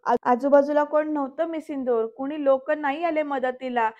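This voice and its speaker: A woman's voice: high-pitched, fairly even intonation, moderate pace, mellow, muffled recording, close to an everyday voice. A woman reading the lines of a proud, short-tempered young businessman in a serial recap, curt and warning. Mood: stern.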